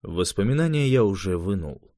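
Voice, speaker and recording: A male reader puts on a gruff senior mage who grumbles his questions in a low, quiet voice. His speech is curt and displeased. The sound is close and dry, like a studio audiobook. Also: animated, moderate pace, dry recording.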